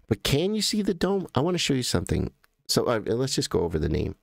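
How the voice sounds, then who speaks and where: Rambling gravelly-voiced American livestream host. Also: male voice, medium pitch, wildly swooping pitch, fast talker, dry recording, studio quality. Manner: rambling, self-correcting, thinking aloud while clicking through images. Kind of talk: casual livestream commentary.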